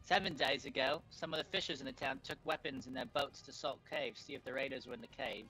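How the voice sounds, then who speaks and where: A man voicing a weary old village headman who talks gruffly and plainly, swearing under his breath. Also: medium pitch, steady tone, fast talker, sharp tone, pitched above the performer's own voice, natural voice, poor audio.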